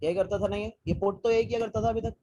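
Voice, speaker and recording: A man's voice: sits high, fairly even intonation, fast talker, dark tone, slight background noise, low-quality recording. A young man teaching a live online coding class, talking students through code step by step, asking them questions and mixing English technical terms into casual Hindi. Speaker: programming teacher.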